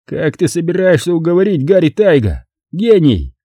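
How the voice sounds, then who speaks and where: A man's voice: fairly high pitch, very animated, normal speed, dark tone, no room sound, voice pushed up. A male audiobook reader voicing a drunk, bitter man who slurs and sneers sarcastically. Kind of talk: audiobook character voice.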